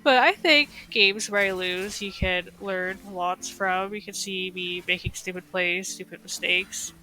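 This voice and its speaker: Still a bit stuffy and nasal as she recovers from being sick, this woman streamer chats loosely over her game with plenty of fillers. She speaks in a mid-range, pushed, bright voice at a steady, slightly slow pace, with faint music underneath and poor audio.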